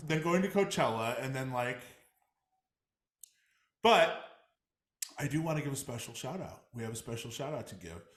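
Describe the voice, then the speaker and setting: A man co-hosting a podcast in casual chat, animated and swearing freely, repeating himself as he talks. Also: mid-range voice, normal speed, pauses often. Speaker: podcast co-host. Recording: roomy echo.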